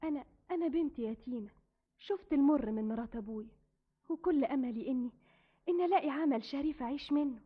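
A woman's voice: high-pitched, quick pace, close to an everyday voice. A woman playing a desperate young orphan girl. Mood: pleading. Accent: Egyptian Arabic. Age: young adult. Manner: emotional and pleading, often tearful. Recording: dull old radio recording.

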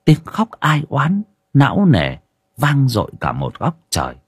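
A man's voice: mid-range voice, huge pitch swings, measured pace, slightly rough, no echo, studio quality. A man, narrating a ghost story with dramatic expression.

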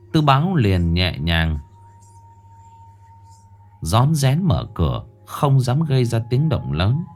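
A man's voice: fairly low pitch, darkish tone. A man narrating a ghost story in a dramatic reading.

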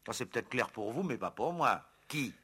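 A man's voice: medium pitch, animated, normal speed, sharp tone, breathy edge. An actor playing an impatient male police inspector in an old radio play, asking curt, probing questions.

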